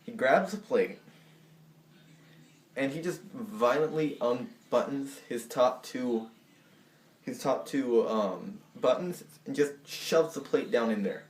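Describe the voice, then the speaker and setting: A man telling a storytime vlog in an animated way, acting out the people in it. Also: mid-range voice, slow, roomy sound. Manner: animated storytelling that acts out the voices. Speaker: vlogger.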